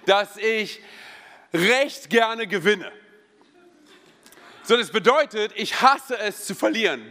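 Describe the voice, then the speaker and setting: A man in his thirties preaching a sermon in a church, energetic and joking, telling personal stories with many interjections. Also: sits high. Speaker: pastor. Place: church hall. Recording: long hall reverb.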